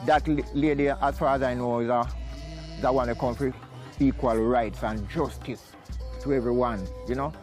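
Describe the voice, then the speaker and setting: Mid-pitched man in Rasta speech. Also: fairly even intonation, normal speed, darkish tone, faint music behind. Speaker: Rastafari interviewee. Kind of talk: explanatory documentary interview.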